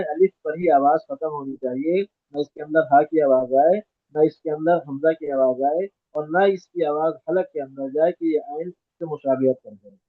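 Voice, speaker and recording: A man with a Hyderabad Urdu accent teaching Quranic letter pronunciation, explaining where each sound forms and then sounding letters slowly, over and over. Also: a little high, no room sound. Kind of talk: Noorani Qaidah phonetics lesson. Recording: tinny, phone-like dry recording.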